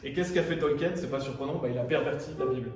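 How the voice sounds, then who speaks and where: A man's voice: medium pitch, quick pace, darkish tone. A French-speaking man preaching a sermon in an insistent, repetitive way, often restarting his phrases. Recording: very echoey room, distant from mic.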